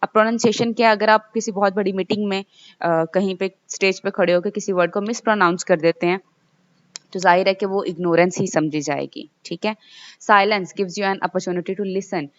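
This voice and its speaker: A woman giving a recorded lecture. She reads English passages slowly, then explains them loosely, often checking with "okay?". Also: medium pitch, fairly even intonation. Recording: dull lo-fi dry recording.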